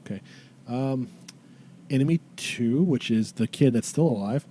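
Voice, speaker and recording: Brief: male game master, mellow dark tone, relaxed narration with rules checks, faint background hiss. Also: medium pitch, a little slow. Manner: easygoing, checks rules aloud.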